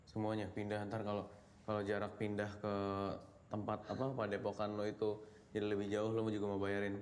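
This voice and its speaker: A man's voice: lowish voice, monotone, brisk, a little mellow, close to an everyday voice. A young man in a film drama, teasing and sarcastic as he argues with friends on a trip. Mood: bickering. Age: young adult.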